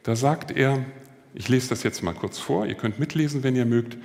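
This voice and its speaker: A man's voice: medium pitch, normal speed, vocal fry, darkish tone, in a large hall. A man preaching a sermon in a casual storytelling way, acting out the voices of the people he quotes.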